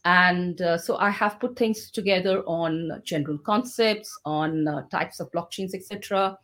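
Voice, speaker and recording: Woman host with formal, measured phrasing. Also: mid-range voice. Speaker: podcast host. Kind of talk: hosting an online Q&A session.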